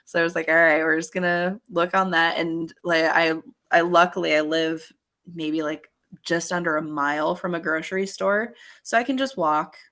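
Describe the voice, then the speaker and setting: A woman in her thirties, a podcast guest, chatting upbeat and rambling, her voice going hoarse. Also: lowish voice, steady tone, moderate pace, bright, forceful tone. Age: 30s. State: hoarse, voice failing. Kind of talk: casual chat.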